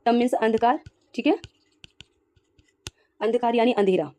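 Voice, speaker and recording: A woman's voice: a little high, unhurried, dark tone. A woman teacher working through exam questions one by one and explaining each answer, often putting rhetorical questions to herself and confirming with "ठीक है.".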